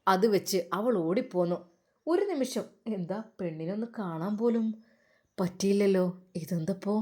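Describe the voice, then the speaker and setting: A woman tells a family story with a dramatic delivery. She shifts between plain narration and voices for each character. Her voice sits at a middling pitch. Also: lively intonation, moderate pace, darkish tone.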